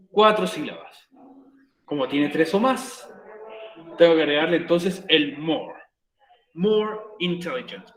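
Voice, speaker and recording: A Chilean male teacher guiding students through English grammar, repeating each word and question. His voice sits on the high side for a man. The room around him rings with a noticeable echo. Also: a bit bright. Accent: Chilean Spanish. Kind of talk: recorded virtual class, explaining grammar in Spanish.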